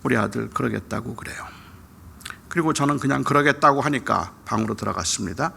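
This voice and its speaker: Middle-aged male pastor, very gravelly and forceful, storytelling sermon that jumps from shouting to whispers. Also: medium pitch, a little fast, slight background noise. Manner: personal storytelling, swinging from loud outbursts to hushed whispers. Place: church sanctuary at a dawn service.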